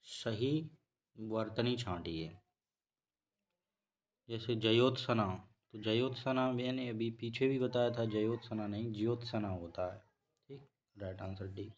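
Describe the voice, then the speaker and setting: A man teaching a spelling lesson for exam preparation, repeating each word slowly and correcting himself as he goes. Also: on the low side, steady tone, a little mellow. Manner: slow, repetitive explaining, self-correcting. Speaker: Hindi teacher.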